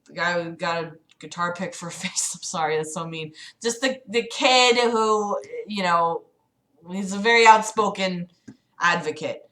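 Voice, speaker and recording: As a livestream host in casual chat with her audience, a woman speaks in a lowish, bright and forceful voice at normal speed. Her talk rambles hesitantly and is self-deprecating.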